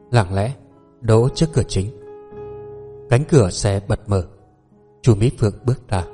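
A man narrating a detective novel as an audiobook, in a steady, even storytelling manner. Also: on the low side. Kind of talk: scripted narration.

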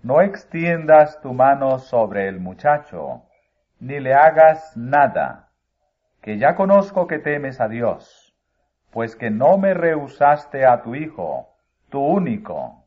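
A solemn angel of the Lord calls down from heaven in slow, measured phrases, read by a man. The voice sits at an ordinary middle pitch. It comes through a narrow, phone-like channel with faint music underneath. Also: very animated, husky, full character voice.

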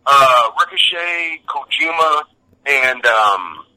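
Guy calling in on the phone, super bright tinny sound, rambles a lot, um uh, swears. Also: mid-range voice, animated, slow. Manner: rambling, many fillers, swears casually. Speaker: podcast co-host on a phone line. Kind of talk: casual wrestling podcast chat.

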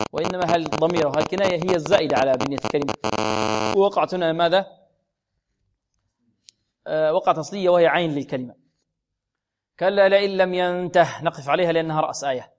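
A middle-aged man teaching Quran recitation to a class, with a voice pitched a little high. He asks a question and answers it himself, then recites words slowly to show how they are read. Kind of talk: tajweed lesson with recitation.

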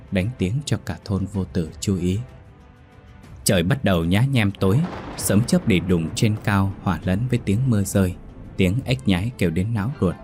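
Deep-voiced man narrating a ghost story. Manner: steady, measured storytelling.

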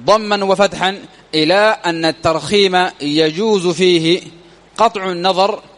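Male grammar teacher, high voice, long echo; reads the text, then explains and quizzes himself. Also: moderate pace, a bit bright. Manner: reads quoted text then explains it, asks and answers his own questions. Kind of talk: classroom lesson explaining a text. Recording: long hall reverb.

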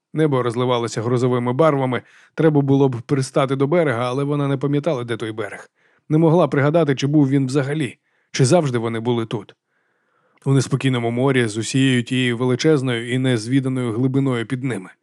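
Brisk man narrating an audiobook. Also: medium pitch, no room sound, clean studio sound. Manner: brisk, steady storytelling. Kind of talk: scripted narration of a dark fantasy novel.

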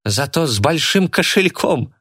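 A man putting on a high, cheeky young girl. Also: measured pace, breathy edge, dry recording, clean studio sound, heavily acted. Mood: defiant. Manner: high excited shouting.

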